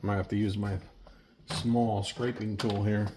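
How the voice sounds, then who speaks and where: A man's voice: fairly low pitch, flat delivery, a little slow, mellow. A folksy, plain-spoken man casually talking through a hands-on repair as a mechanic, with machine noise behind him. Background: air compressor and workshop tool noise.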